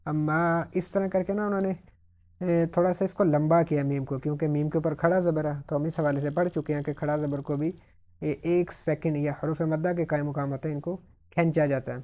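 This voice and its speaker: Mellow-voiced man teaching Tajweed rules. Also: a little high, fairly even intonation. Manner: patient step-by-step explanation, slowly modelling words. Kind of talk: explaining recitation rules.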